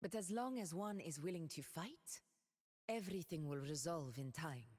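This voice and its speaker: A woman voicing Augusta, a proud and steadfast warrior ruler, speaking her game voice lines in a solemn, measured, regal way. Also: low-pitched, animated, darkish tone, big-room sound.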